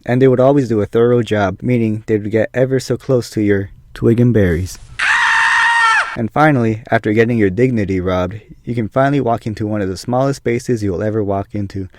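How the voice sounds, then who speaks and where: A man's voice: on the low side, brisk, a little mellow, no room sound, clean studio sound. A man narrating a scripted personal story as a video storyteller.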